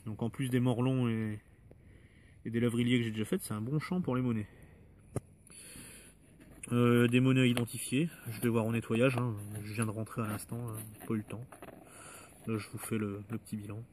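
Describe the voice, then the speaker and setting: A man walking through his metal detecting finds in a relaxed, hesitant way, with many fillers and asides. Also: medium pitch, normal speed, pauses often, a little hiss or hum. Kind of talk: casual show-and-tell of finds.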